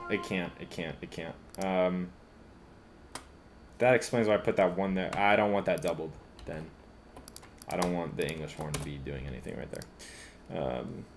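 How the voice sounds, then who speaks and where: A man with a very low voice works through a piece on a live stream and thinks aloud as he goes. His talk is halting and full of fillers. He laughs at his own slips. A faint hiss sits under the voice. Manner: halting and musing, many fillers, laughs at himself. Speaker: composer streaming live orchestration work.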